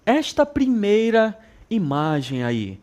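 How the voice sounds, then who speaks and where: A man from northern Brazil with a regional accent, teaching an English lesson to students and repeating words slowly with frequent check-ins. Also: high-pitched, wildly swooping pitch, a little mellow. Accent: northern Brazilian Portuguese. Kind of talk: televised school lesson.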